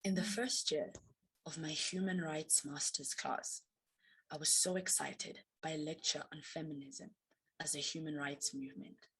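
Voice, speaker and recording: A woman's voice: sits low, fairly even intonation, a little slow, fairly bright tone, slightly rough, rough recording. A woman from Zambia reading her own reflective personal story as recorded narration. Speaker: student storyteller. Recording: narration with faint background music.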